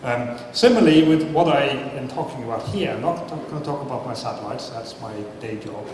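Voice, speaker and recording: A Dutch man in his fifties talks a little fast at a science talk night, keeping things relaxed and self-deprecating while bantering with the crowd through repeated questions. His voice booms through a big, echoing hall and is captured from afar, with a clear layer of noise beneath.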